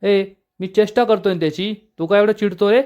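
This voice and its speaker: A man's voice: sits high, steady tone, a little mellow, clear, resonant tone, lo-fi sound, pitched above the performer's own voice, lightly acted. A man voicing a quarrelsome young village man who teases his brothers, in an episode recap. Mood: bickering. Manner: teasing, quarrelsome, quick retorts.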